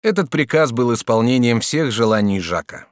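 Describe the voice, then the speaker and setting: Male audiobook narrator, lively pitch, dry close recording, expressive read. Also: moderate pace, no room sound. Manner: expressive, varied storytelling. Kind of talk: scripted literary narration.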